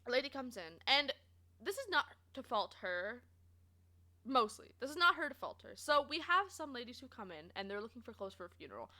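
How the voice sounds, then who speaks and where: A young woman streamer casually telling a story about her old job, chatty and animated, laughing often and saying "like" a lot. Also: a little high, a little fast.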